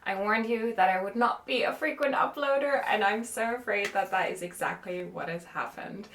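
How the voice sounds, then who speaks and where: A woman's voice: mid-range voice, moderate pace, a little hiss or hum. Chatty woman recording on a phone in an echoey room. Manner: chatty, animated, self-deprecating. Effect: recorded on a phone camera. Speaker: podcast host. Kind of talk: casual chatty vlog. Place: room in an old country cottage, indoors. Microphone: phone camera.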